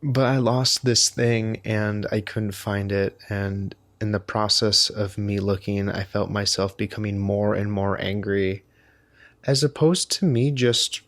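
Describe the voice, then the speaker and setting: A man's voice: lowish voice, steady tone, unhurried, no echo. Tired man rambling to the camera. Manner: rambling and self-deprecating, with frequent restarts. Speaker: vlogger. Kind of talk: casual talk to camera.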